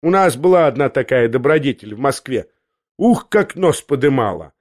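A man's voice: medium pitch, lively intonation, moderate pace, no echo, close to an everyday voice. A crude young schemer talks in a pushy, sneering way, voiced by a man. The sound is dry and close to the mic. It is a storybook reading. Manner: brash, coaxing, sneering.

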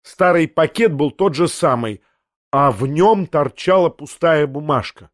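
A man reading a literary audiobook in measured, expressive storytelling. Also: a little high, no room sound, studio quality. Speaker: audiobook narrator.

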